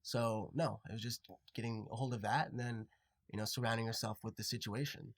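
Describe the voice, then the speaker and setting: A man in his early twenties, an actor, answers questions in a live chat. He speaks in a thoughtful, steady way at a mid pitch. The sound is dry. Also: a little fast, gravelly, no echo. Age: 20s. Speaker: actor, guest.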